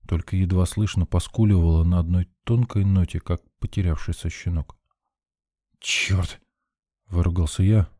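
A man's voice: low-pitched, warm tone, no echo, clean studio sound. A man reading a first-person story in a tense, urgent narrating voice. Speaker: audiobook narrator.

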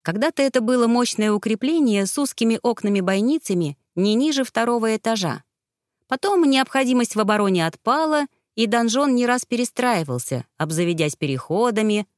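Woman audiobook narrator, lively melodic read, dry close recording. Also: medium pitch, no room sound. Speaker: audiobook reader. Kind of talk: scripted narration.

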